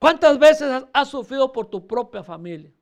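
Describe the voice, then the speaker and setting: Brief: male pastor, fervent sermon, very high voice with a gravelly rasp. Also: expressive, normal speed. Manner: fervent, repeatedly addressing listeners as brother.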